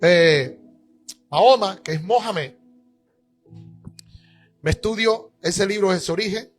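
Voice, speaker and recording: A male pastor preaching a church sermon, emphatic, rising at times to shouts. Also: high-pitched.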